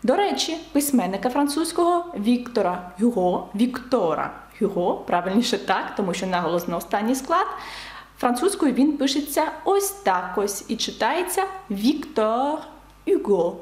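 A woman's voice: a little high, big pitch swings, moderate pace, reverberant. A woman teaching a beginners' French lesson, explaining with emphasis and repeated examples.

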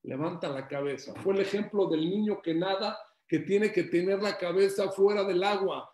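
Male Torah teacher, high and lively, repeats himself; roomy echo. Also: normal speed, slight background noise. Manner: animated, repeats phrases, acts out stories. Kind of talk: religious class.

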